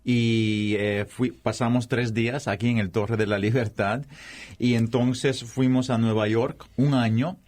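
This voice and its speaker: A Cuban-born man in his forties, a guest answering interview questions thoughtfully, with frequent pauses and restarts. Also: mid-range voice, steady tone, darkish tone. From Cuba. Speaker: guest, academic.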